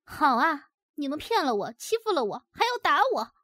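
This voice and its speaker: A woman voicing a furious, cheated young woman who scolds and demands in a shrill, raised voice. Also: fast talker, no echo, studio quality, natural voice. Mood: raging.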